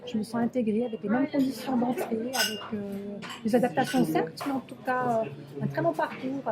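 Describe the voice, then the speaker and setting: A woman sign language interpreter voicing an interview in the first person, halting and searching for words, in a café. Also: on the high side, over a noisy crowd. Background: loud music.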